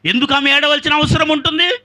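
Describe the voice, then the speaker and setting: A pastor preaching an emphatic sermon, swinging between loud outbursts and hushed passages and calling on the congregation. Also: male voice, extremely high pitch, fairly even intonation, a little fast. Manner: asks the congregation questions.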